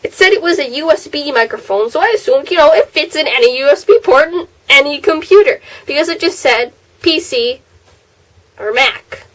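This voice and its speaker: A teenage girl rambling casually in a home vlog, with giggly, quick asides, recorded on a laptop's built-in mic in her bedroom. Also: high-pitched, animated, a bit bright, low-quality recording. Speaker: vlogger.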